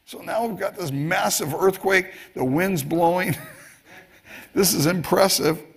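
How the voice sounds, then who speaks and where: A male preacher with a slightly high, gravelly voice, delivering a sermon. He speaks in a husky tone at an unhurried, deliberate pace, with lively, expressive delivery. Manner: slow, expressive delivery with chuckles, acting out scripture quotes.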